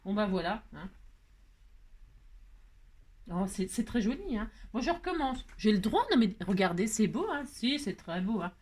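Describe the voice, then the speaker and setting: A woman from France hosting a casual craft tutorial, talking in a playful, self-mocking way and tagging her sentences with a quick "hein". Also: medium pitch, sing-song, a little mellow, slightly rough. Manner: cooing baby talk to her pet. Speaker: crafting video host.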